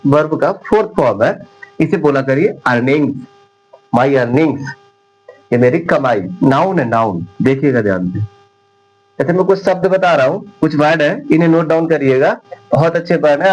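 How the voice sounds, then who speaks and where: A man whose first language is Hindi, with a slightly higher voice than most men, teaching English grammar to exam students. He says each word over and over and firmly corrects wrong forms. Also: poor audio. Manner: repeats words patiently, corrects mistakes firmly. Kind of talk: classroom-style grammar lesson.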